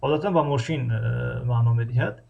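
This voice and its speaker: A man with a Tajik accent teaching an English lesson, reading English phrases slowly and carefully and explaining them with frequent hesitations. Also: mid-range voice, phone-quality sound. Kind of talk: language lesson explaining a dialogue.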